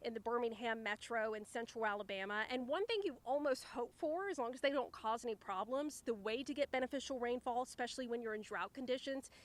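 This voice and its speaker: A woman's voice: a little high, fairly quick, hardly any pauses. A woman meteorologist giving a live outdoor weather report in a chatty, conversational way with informal asides. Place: outdoors, riverside park.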